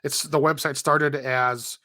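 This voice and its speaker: A man co-hosting a casual gaming podcast, chatty and animated, who laughs easily while plugging the show. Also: medium pitch, slow, no room sound, clean studio sound. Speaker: podcast co-host.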